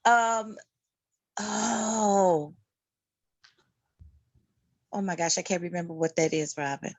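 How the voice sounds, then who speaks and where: A woman's voice: on the low side, fairly even intonation, no echo. Dry-sounding woman chiming in supportively. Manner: supportive, quick agreeing interjections, laughs easily. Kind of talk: casual chat.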